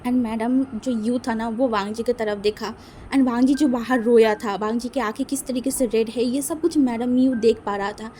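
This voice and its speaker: High-voiced woman narrating a story. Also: steady tone, normal speed, mellow, slight background noise. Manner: rambling, lots of fillers. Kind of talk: casual fan-fiction story narration. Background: faint music.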